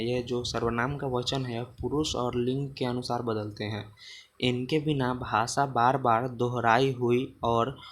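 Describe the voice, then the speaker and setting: Guy tutoring hindi grammar for board exams, says every example twice, mid pitch, noisy recording. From Bihar, India. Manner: repeats each example, addresses viewers as friends. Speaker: teacher. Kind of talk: exam-prep grammar lesson.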